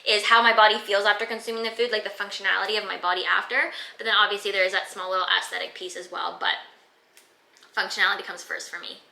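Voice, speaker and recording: This clip has poor audio and an echoey room, capturing a woman's steady, medium-pitched voice that moves quickly, sharp in tone with vocal fry. She's a twenty-five-year-old Canadian fitness vlogger chatting casually through a Q and A in her room, using lots of fillers.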